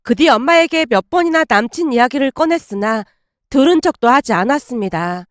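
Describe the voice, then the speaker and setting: A woman narrating a first-person storybook tale in a steady, explaining tone. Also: sits high, fairly quick, dry recording, clean studio sound.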